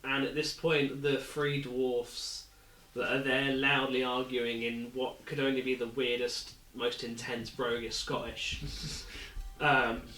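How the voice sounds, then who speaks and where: A man's voice: medium pitch, level tone, takes it slowly, pushed and bright. A man narrating a tabletop game as game master in a loose, casual way. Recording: echoey room with faint music.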